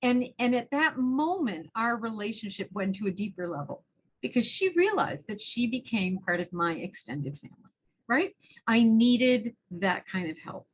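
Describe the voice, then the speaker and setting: A fairly high-pitched woman with a husky, breathy tone, speaking earnestly on a video call. She talks conversationally as a panelist and tells anecdotes in a relaxed storytelling way. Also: moderate pace, rough recording. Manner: earnest, tells anecdotes with lively quoted dialogue. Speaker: panelist, early childhood educator.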